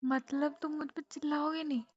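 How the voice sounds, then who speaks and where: On a muffled lo-fi phone call, a girlfriend in her young adult years chats intimately and casually with her partner, asking questions in a teasing way. Her voice is high and flat, at a normal speed, with no echo.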